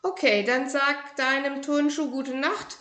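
A woman voicing a brisk, caring mother of a schoolboy, speaking higher and louder than her narration. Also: fairly even intonation, echoey room.

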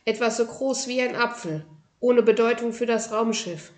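A woman's voice: fairly high pitch, moderate pace, reverberant, natural voice. A woman voicing ground control in a children's storybook, giving firm instructions.

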